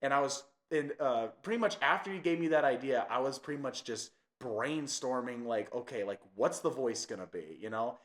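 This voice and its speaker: A man's voice: mid-range voice, lively intonation, normal speed, hardly any pauses, fairly bright tone. Young guy hosting a podcast, laid back chatty, um and like everywhere. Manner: chatty, many fillers. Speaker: podcast host. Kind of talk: casual chat.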